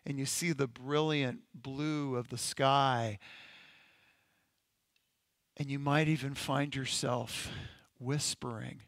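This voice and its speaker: Slow, gentle pastor guiding a meditation. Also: male voice, medium pitch, steady tone, vocal fry, dry recording. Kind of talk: sermon with guided imagery. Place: church sanctuary.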